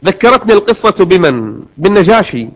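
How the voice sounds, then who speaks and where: A man preaching a sermon in an earnest tone, stretching recited verses out slowly. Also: high voice, sing-song, low-quality recording.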